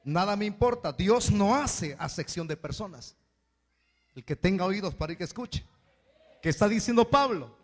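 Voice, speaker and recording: A man preaching a sermon as pastor, with animated asides where he mimics complaining people. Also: high voice, normal speed. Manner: preaching with acted asides in mocking voices. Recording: hall reverb.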